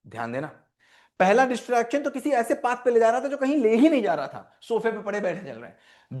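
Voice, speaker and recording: A man with a high voice gives a motivational talk to teenagers. He is animated and repeats key lines over and over to drive them home, slipping between Hindi and English. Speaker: parenting mentor and life coach. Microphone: online session.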